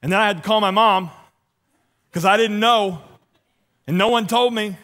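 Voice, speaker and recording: Preaching a comic sermon from a church stage, a middle-aged pastor with a lisp walks about and gestures, telling stories at his own expense and voicing the dialogue himself. His high-pitched voice is fairly bright and moves at a moderate pace.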